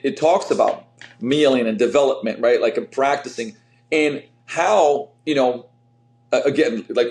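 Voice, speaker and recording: A middle-aged man from Slovenia talks in a casual interview, full of energy and fillers, restarting his sentences as he goes. His voice sits at an ordinary pitch. The room gives it a noticeable echo. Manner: energetic, rambling, lots of fillers. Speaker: fitness coach, guest. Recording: roomy echo.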